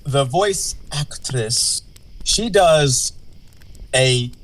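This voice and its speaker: A man's voice: medium pitch, lively intonation, drawn-out words, slight background noise, low-quality recording. A man co-hosting a casual podcast, talking emphatically and swearing a lot. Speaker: podcast co-host.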